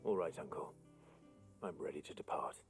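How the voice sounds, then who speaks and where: A male actor playing a resolute, brooding young fantasy hero in a video game, husky and grave, with terse, restrained delivery. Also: extremely low pitch, animated, moderate pace, soft background music. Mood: grave, reassuring.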